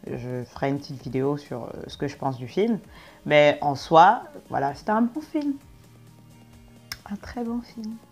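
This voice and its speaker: Young female vlogger, slightly low voice, excitable storyteller, light music bed. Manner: animated, exaggerated slangy storytelling with big swings in energy. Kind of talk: casual storytelling vlog.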